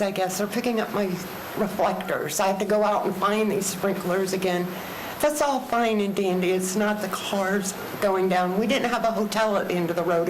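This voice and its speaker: An older woman gives earnest, plain-spoken, personal comments as a resident at a public meeting. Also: medium pitch. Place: indoor public meeting chamber. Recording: echoey meeting room with clear background noise.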